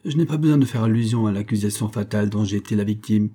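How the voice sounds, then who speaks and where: A man's voice: lowish voice, quick pace, dark tone, close to an everyday voice. A man reading an audiobook, voicing a returned outlaw who formally and solemnly addresses his old club.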